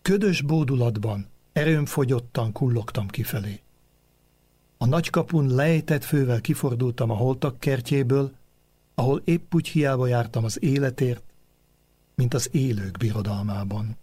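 A man reading a memoir aloud in a measured, reflective storytelling manner. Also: medium pitch, mellow, husky. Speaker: narrator.

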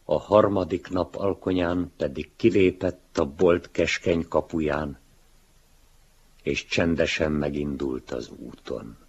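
A man reading a literary story aloud in a measured, solemn way, in a dull lo-fi recording. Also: extremely low pitch, breathy edge. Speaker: reader.

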